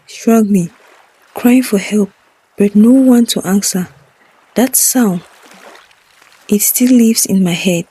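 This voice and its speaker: A woman narrating a scripted first-person story in a solemn, measured way. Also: medium pitch, dark tone, breathy edge.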